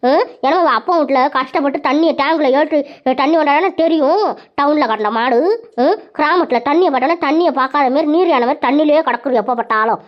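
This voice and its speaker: A woman voicing a nagging middle-aged mother-in-law in a cartoon, scolding fast, on a dull lo-fi recording. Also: high voice, natural voice.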